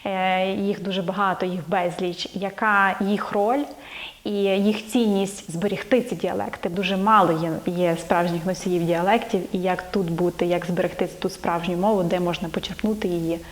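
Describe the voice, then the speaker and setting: A woman's voice: on the low side, fairly even intonation, moderate pace. A woman hosting an interview who asks long questions, often searching for words and using filler sounds. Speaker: interviewer, host.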